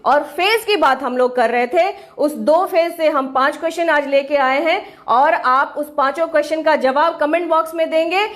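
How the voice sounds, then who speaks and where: Young woman, high voice, teaching an online class and drawing out English phrases slowly. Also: a bit bright. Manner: mixes Hindi with English phrases, slows down sharply on English sentences.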